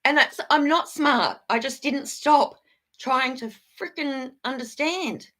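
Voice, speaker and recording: A woman's voice: high voice, takes it slowly, pushed and bright. A woman chatting candidly on a livestream, rambling and blunt, swearing freely while she answers her chat.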